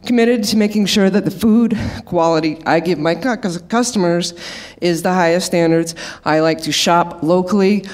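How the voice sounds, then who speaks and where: A woman giving emotional public testimony at a hearing, nervous and halting, close to tears, stumbling and restarting as she speaks. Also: on the low side.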